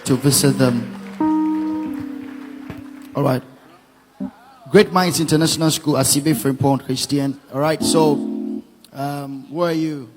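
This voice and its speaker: A man hosting a conference, introducing guests in a loose, unscripted way with frequent pauses. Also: fairly high pitch, fairly even intonation, long reverb tail, music in the background, poor audio. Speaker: event host.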